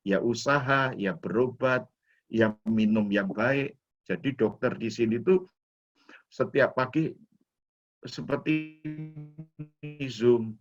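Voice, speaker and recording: A man's voice: mid-range voice, slow pace, long pauses, soft background music. Man, middle-aged pastor, personal testimony, storytelling, addresses the congregation, dull lo-fi video call sound. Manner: storytelling, often addresses listeners as brothers and sisters. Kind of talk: sharing a personal testimony in a church talk.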